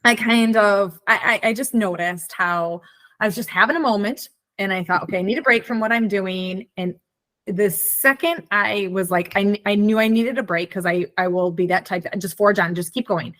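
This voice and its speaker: A woman's voice: mid-range voice, moderate pace, fairly bright tone. A woman in her forties hosting a podcast, chatting reflectively and acting out her own thoughts. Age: 40s. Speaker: podcast host. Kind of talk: casual chat.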